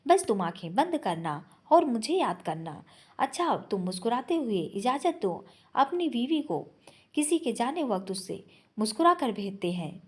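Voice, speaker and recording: A woman's voice: a little high, a little mellow, husky. A woman voicing a dying young wife saying a tender, pleading farewell to her husband.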